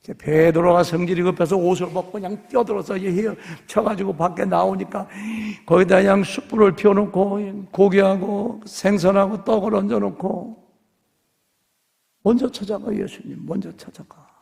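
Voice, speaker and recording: A man's voice: sits high, fairly even intonation, normal speed, gravelly, darkish tone, long reverb tail. A man preaching a sermon as pastor, telling stories animatedly and acting out dialogue in different voices. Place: church sanctuary.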